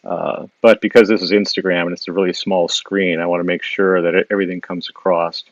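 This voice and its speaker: Brisk and level, a low male voice with a Wisconsin accent narrates a live-stream drawing demo, the illustrator thinking aloud over his sketch, restarting often and filling gaps as he reads viewer questions. His device mic on the social stream gives a dry, muffled recording.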